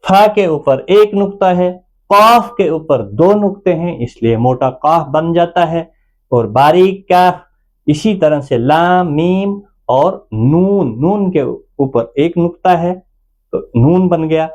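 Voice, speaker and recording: A man's voice: a little high, darkish tone. A man teaching the Arabic alphabet in an online lesson, explaining patiently step by step. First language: Urdu. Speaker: Quran reading teacher.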